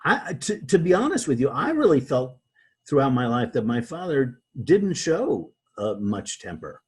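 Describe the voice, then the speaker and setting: Husky-voiced man, halting guest. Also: mid-range voice, big pitch swings. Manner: halting, many restarts and repeated words. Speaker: interview guest, author. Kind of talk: conversational interview.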